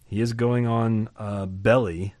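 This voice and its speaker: A man teaching through a Bible chapter in a lively, conversational way, asking rhetorical questions and chuckling now and then. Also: fairly low pitch, takes it slowly, no room sound.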